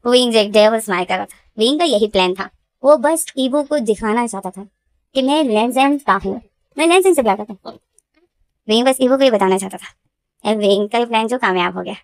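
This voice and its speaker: A woman's voice: a little high, no echo. A woman retelling a story casually, with a repetitive and emphatic manner. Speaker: story explainer.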